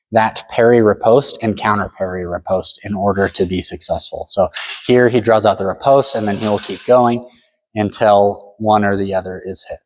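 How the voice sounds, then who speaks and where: A man's voice: on the low side, rough recording. A man giving a step-by-step demonstration lesson as a fencing instructor, matter-of-fact and full of directions.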